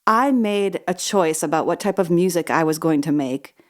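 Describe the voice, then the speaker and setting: Woman podcast host, 30s, low-pitched, chatty and self-deprecating, a little wheezy. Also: moderate pace. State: slightly wheezy from asthma. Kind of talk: solo storytelling podcast.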